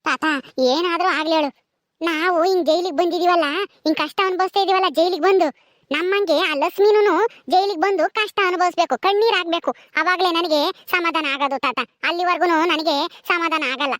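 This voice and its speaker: A woman playing a very high-voiced village granddaughter. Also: fairly even intonation, brisk, fairly bright tone, dry recording, studio quality. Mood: bitter. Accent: rural Tumakuru Kannada. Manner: pleading, bitter complaining. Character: young village granddaughter, tearful and vengeful. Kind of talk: village family drama acting.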